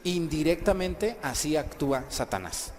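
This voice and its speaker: A man's voice: a little high, expressive, a little slow. A man, a priest giving an emphatic sermon and questioning the congregation. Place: church. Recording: echoey hall, faint background ambience.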